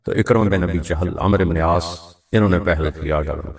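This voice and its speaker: A low-voiced man delivers a storytelling sermon, slipping between narration, quoted dialogue and recited Arabic verses. His voice sits some distance from the microphone. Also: normal speed. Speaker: preacher.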